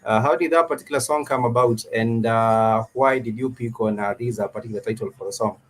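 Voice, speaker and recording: Male interview host, Kenyan accent, medium pitch, halting and wordy live questioning. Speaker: radio show host, interviewer.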